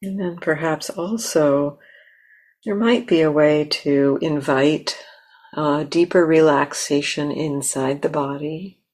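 In this guided meditation, the teacher is a woman with a low voice who speaks slowly. Her manner is gentle and unhurried, with long pauses separating short phrases.

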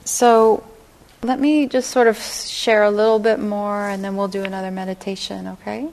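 A middle-aged woman teaching a meditation class, speaking gently and unhurriedly and often checking in with her listeners. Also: medium pitch, little pitch movement, vocal fry, slight background noise. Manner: gentle, unhurried, lots of "right?" and "you know". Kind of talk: dharma talk to a class. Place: meditation hall.

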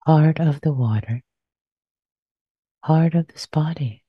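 In a soft, breathy, low voice, a woman meditation teacher guides a meditation gently and unhurriedly, leaving long pauses. The recording is dull and lo-fi, with no echo.

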